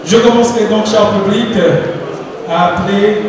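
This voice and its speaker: A man making a formal stage announcement as a jury spokesman, with hesitant, pause-filled phrasing. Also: high voice, steady tone. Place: large hall with audience. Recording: reverberant hall, distant, crowd noise.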